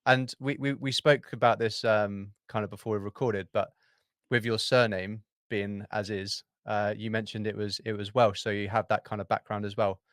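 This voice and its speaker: A man's voice: fairly low pitch, level tone, moderate pace, a bit bright, no room sound, studio quality. Easygoing man hosting. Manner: friendly, easygoing questions with fillers. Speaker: podcast host. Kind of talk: interviewing.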